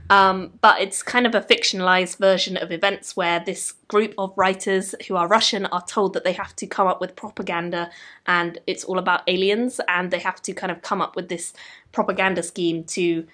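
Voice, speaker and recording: A young woman hosts a casual book vlog, rambling chattily and enthusiastically. Her voice sits slightly low for a woman. The delivery is loose and conversational. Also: steady tone, moderate pace, a bit bright. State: tipsy. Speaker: book vlogger. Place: indoors at night.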